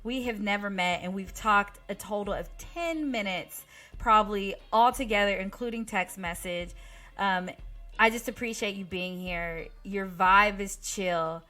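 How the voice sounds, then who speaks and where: A woman's voice: medium pitch, measured pace, sharp tone, soft background music. A woman hosting a casual podcast interview, upbeat and swearing freely. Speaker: podcast host.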